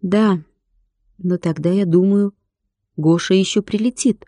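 A woman's voice: medium pitch, fairly even intonation, measured pace, warm tone, dry recording, natural voice. A woman voicing a stubborn, whiny young boy nursing a hurt knee, talking in a sulky, pleading way. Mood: eager.

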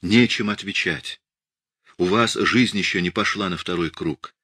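A man voicing a weary, hunted middle-aged scientist who speaks in a quiet, resigned, measured way. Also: low voice, slightly rough, dry recording, studio quality, exaggerated voice.

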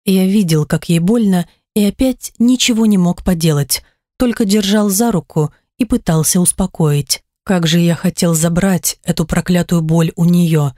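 A woman with a fairly low, dark voice reads a first-person audiobook at normal speed, her delivery emotional and intimate. The recording is clean studio sound with no echo.

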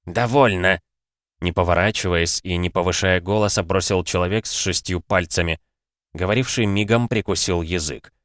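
Male audiobook narrator, measured, low voice, dry close sound. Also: dry recording. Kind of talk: scripted fantasy narration.

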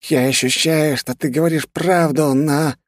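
A man's voice: steady tone, unhurried, dry recording, studio quality. A man voicing a cowardly male demon who screams his threats in panic. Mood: frightened. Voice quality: shrill, screaming.

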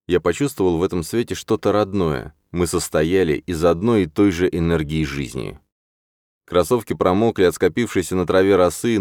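Narrating an audiobook in the first person, a man with a low, deep voice keeps his delivery steady and measured. There's no room around the sound at all; it's dry and close.

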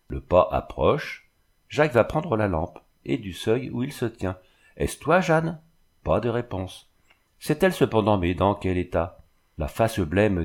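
A man reading an old tale aloud as a narrator, measured and dramatic. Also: fairly low pitch.

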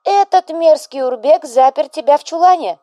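A woman's voice: fairly high pitch, lively intonation, moderate pace, warm tone, no room sound, clean studio sound, pitched above the performer's own voice, lightly acted. A woman voicing an overbearing, melodramatic widowed mother who scolds and presses her grown son, in an audiobook. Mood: anxious.

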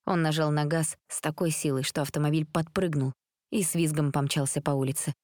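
A woman narrating a story aloud in a steady storytelling manner. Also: deep voice, brisk, no room sound, studio quality. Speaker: reader.

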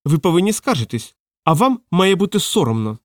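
A man's voice: high voice, big pitch swings, brisk, no echo, studio quality, voice pushed up. A man reading an audiobook, voicing a fat, fussy official who squeals and shrieks with indignation. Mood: outraged. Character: fat, fussy older male official, outraged. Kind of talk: audiobook character voice.

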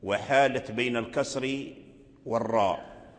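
An older man teaching a religious lesson, explaining a poem line by line in a measured way and repeating phrases for his students. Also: mid-range voice. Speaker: Quran recitation teacher. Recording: echoey hall reverb.

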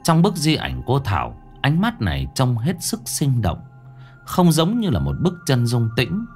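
A man's voice: medium pitch, wildly swooping pitch, a little slow, darkish tone, faint music behind. A man narrating a ghost story in a dramatic, suspenseful way.

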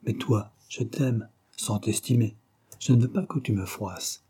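A man voicing a big, brash young man who talks bluntly and provokes others with mocking calm. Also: fairly low pitch, measured pace, breathy edge. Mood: defiant.

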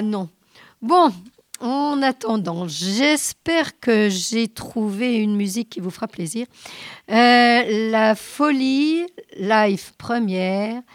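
A woman radio host reading a story aloud in a calm, unhurried way. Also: mid-range voice, no echo, clean studio sound. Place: radio studio.

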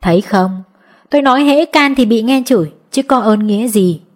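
A woman's voice: fairly high pitch, lively intonation, normal speed. A woman voicing a blunt, scolding village wife in an audiobook story. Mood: chiding.

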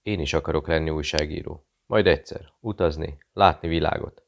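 A man's voice: a bass voice, gravelly, muffled recording, a little hiss or hum. A man reading a nervous, secretive Serbian barkeeper who speaks in clipped, broken phrases. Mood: weary.

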